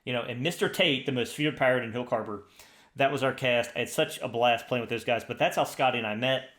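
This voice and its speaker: Speaking fast, a podcast co-host with a mid-range, a bit bright voice chats eagerly and informally. He keeps rambling and starting over, and a roomy echo colors the audio.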